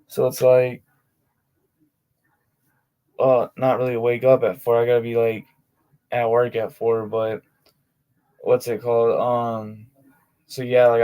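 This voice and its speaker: A man's voice: mid-range voice, a little mellow, clean tone. A man streaming his tabletop game sessions, chatting casually in laid-back slang with many fillers. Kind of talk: casual livestream chat.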